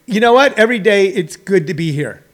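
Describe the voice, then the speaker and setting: A man hosting a live talk show with an off-the-cuff monologue, halting and emphatic, repeating phrases for weight. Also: sits high, lively intonation, fairly bright tone. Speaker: host of a daily live comedy talk show.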